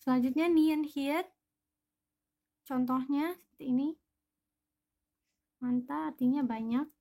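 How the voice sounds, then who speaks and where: A woman's voice: sits high, fairly even intonation, slow pace, dark tone. A woman teaching a language lesson, patiently explaining each example word one by one.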